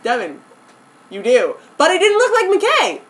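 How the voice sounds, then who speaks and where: A young woman vlogger tells a friend about her dream on camera in a casual, rambling way, giggling, getting sidetracked, and saying "like" and "anyways" a lot. Her high voice swings hugely in pitch at a measured pace, and the rough recording, made in an indoor room with friends, has some hiss or hum.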